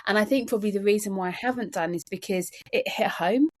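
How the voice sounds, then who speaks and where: A fast-talking woman with a medium-pitched voice appears as a guest on a conversational podcast interview. She trains people on neurodiversity and talks about workplaces earnestly and emphatically, repeating words and saying "you know" a lot.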